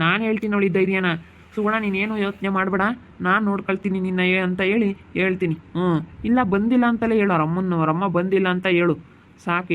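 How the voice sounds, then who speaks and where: A man's voice: high voice, phone-quality sound, natural voice. A man playing a furious young husband. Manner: heated, repetitive scolding. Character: angry young husband guarding his sick wife. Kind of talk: amateur village family drama.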